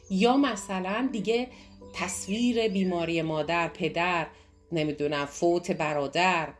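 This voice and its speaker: A woman teaches a self-help course with lively energy, often asking a question and answering it herself. Her voice sits a little low, and clear background music plays beneath it throughout. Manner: animated, asks and answers own questions. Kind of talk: motivational lesson talk.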